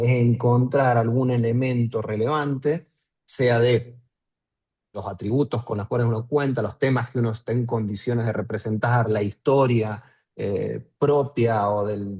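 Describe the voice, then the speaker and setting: A man's voice: medium pitch, darkish tone, breathy edge. A man speaking as a political consultant on a webinar panel, explaining campaign strategy and repeating words as he thinks, over a video call.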